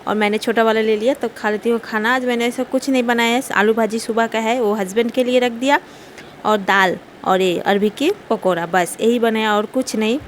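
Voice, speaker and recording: A woman's voice: fairly high pitch, steady tone, fairly quick, slight background noise. A young woman, talking through her day and cooking in a casual home vlog, chatty and often laughing. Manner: chatty, laughs while telling. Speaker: vlogger. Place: home kitchen.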